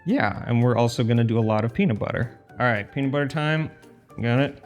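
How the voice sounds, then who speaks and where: An American man hosts a casual vlog in a medium-pitched voice. He talks informally with a light joking touch. The empty room around him is echoey, and music plays under his words. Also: a little fast, lo-fi sound. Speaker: channel host. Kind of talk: casual chat to camera. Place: empty house kitchen.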